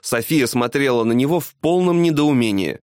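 A man narrating a storybook with an expressive, dramatic reading. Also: mid-range voice, normal speed, clean tone, dry recording, studio quality.

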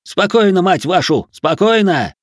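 A man voicing an exhausted young militiaman who shouts gruff orders. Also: a little high, expressive, normal speed, no echo, clean studio sound, voice pushed up. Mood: commanding.

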